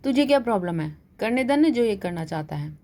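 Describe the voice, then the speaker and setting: A woman's voice: medium pitch, animated, a little fast, warm tone, close to an everyday voice. A woman voicing a sensible young female college student who explains things plainly in a storybook reading.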